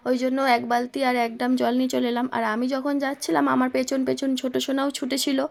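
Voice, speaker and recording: A woman's voice: high-pitched, monotone, fast, creaky. A young woman, casually narrating her day of household chores as a mother, recorded on a phone. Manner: chatty, homely narration of daily chores. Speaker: vlogger, mother.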